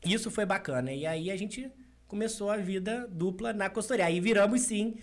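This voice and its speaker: This young adult man has a high voice and talks at a normal speed. He's a business consultant co-hosting a podcast, sharing a personal story conversationally, acting out quoted lines and laughing a lot.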